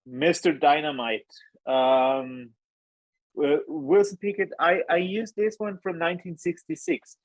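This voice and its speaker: A man speaks slowly and hesitantly, filling pauses with ums. His voice sounds dry and close. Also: a little high, fairly even intonation, no room sound, rough recording. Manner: hesitant, many ums, modest. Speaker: hot sauce maker guest. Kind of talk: casual chat.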